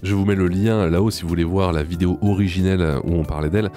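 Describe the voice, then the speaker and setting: A man hosting a reaction video, making sarcastic, deadpan comments. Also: deep voice, fast talker, loud music behind the voice. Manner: mocking, deadpan asides.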